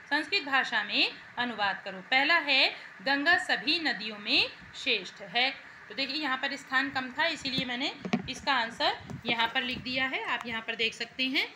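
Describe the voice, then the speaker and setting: A woman's voice: sits high, bright, forceful tone, slight background noise, poor audio. A woman teacher working patiently through Sanskrit exercises, often asking questions back to her students. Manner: patient, repeats and asks questions to the class. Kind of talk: explaining worksheet answers to students.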